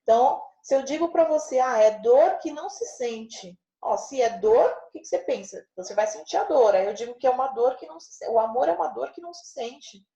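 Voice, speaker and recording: Patiently teaching a grammar lesson on figures of speech, a woman keeps checking in with tag questions. Her voice is high, expressive and warm, with some vocal fry, and she talks fast with few pauses; the audio is reverberant and dull.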